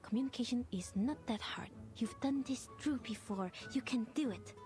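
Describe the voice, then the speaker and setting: A practical young woman adventurer from a video game voiced by an actress. Her voice sits high and sounds encouraging and matter-of-fact. She keeps an upbeat, no-nonsense tone. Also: normal speed, darkish tone, soft background music, lightly acted. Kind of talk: game voice acting.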